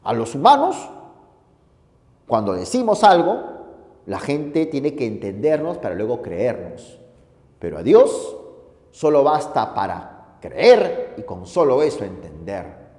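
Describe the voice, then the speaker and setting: A man's voice: mid-range voice, sing-song, takes it slowly, long pauses, darkish tone. A man playing a wise male saint who reasons patiently in a fatherly, lecturing way. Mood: reasoning. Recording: echoey hall reverb.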